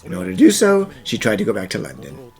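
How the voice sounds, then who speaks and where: A man voicing a calm, gentlemanly professor who explains puzzles politely and thoughtfully in an animated fan dub. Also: medium pitch, fast, vocal fry, slightly rough, faint music behind, full character voice. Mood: thoughtful, explaining.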